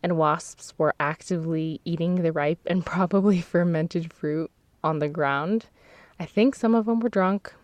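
A woman with a somewhat low voice chats through her podcast from inside a closet stuffed with clothes. The close mic and the padding leave the sound very dry and dead. She laughs easily and fixes her own slips as she goes. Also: measured pace, darkish tone, no echo. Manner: chatty, laughs often, corrects herself mid-sentence. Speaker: podcast host. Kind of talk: casual seasonal podcast chat. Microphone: close microphone.

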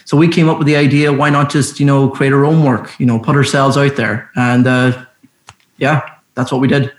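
A man's voice: mid-range voice, little pitch movement, normal speed. A young man with an Irish accent explaining things casually as a podcast guest. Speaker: podcast guest, trained actor. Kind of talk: casual interview chat. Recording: roomy, echoing sound.

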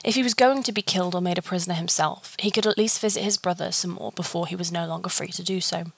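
A woman reading a fan fiction story aloud, steady and even. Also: lowish voice, fast, vocal fry.

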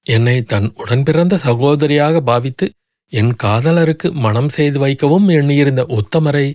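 A man's voice: medium pitch, measured pace, darkish tone, no room sound, clean studio sound, natural voice. A man voicing a grief-stricken young noblewoman who pleads desperately through sobs. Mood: grieving plea.

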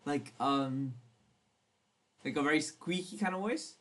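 A man's voice: fairly high pitch, measured pace, a bit bright. A young man co-hosting a casual podcast chat, playful and teasing, swearing often. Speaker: podcast co-host.

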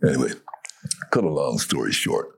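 A middle-aged man from Barbados with a strikingly deep, gravelly voice, a little husky at the edges. He tells stories with lively, swooping intonation and slips into the voices of the people he describes. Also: moderate pace. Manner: animated, acts out the voices of people in his story. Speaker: guest, voice actor. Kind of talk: storytelling in conversation.

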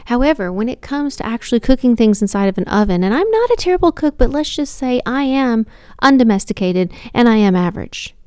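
A woman in her thirties or forties, a mother of four, telling a personal story in an animated, self-deprecating way and talking straight to the listener. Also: a little high, clear, resonant tone, no echo.

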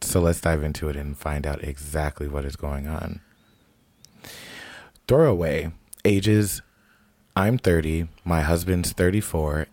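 A man with a very deep voice co-hosts a casual podcast, bantering and laughing easily between stories. His voice sits close and dry, with no room around it. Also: darkish tone, no room sound. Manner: laid-back, laughing, drag-queen banter. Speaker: podcast co-host. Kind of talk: casual chat and reading stories aloud.

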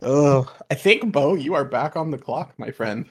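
A man co-hosting a podcast, teasing and animated in casual chat. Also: medium pitch, moderate pace, slightly rough. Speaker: podcast co-host.

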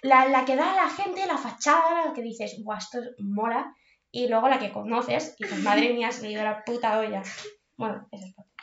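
A young woman, co-hosting a podcast, chatty and lively as she tells stories, swearing casually. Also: on the high side, brisk. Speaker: podcast co-host. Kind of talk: casual chat among friends. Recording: echoey room, dull lo-fi sound, faint hiss.

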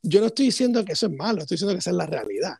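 A man's voice: high-pitched, very animated, rapid-fire, creaky, slightly rough, dry recording, clean studio sound. A man co-hosting a podcast, reasoning through ideas in long, reflective casual talk. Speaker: podcast co-host. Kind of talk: casual philosophical discussion.

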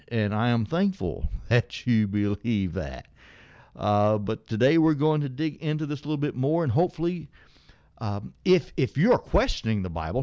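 Man, folksy radio Bible teacher, deliberate, lively intonation, dry slightly dull studio sound. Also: on the low side, no echo. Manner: deliberate, folksy, repeats phrases for emphasis. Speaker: radio host of a Bible call-in show. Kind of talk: conversational religious radio teaching. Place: radio studio, live broadcast.

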